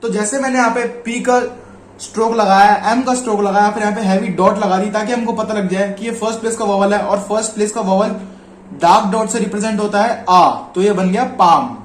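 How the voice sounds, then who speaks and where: Indian man teaching, higher-pitched voice. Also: fairly even intonation, slight background noise. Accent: Indian Hindi. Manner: explains slowly, repeats example words. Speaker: shorthand teacher. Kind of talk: casual spoken lesson.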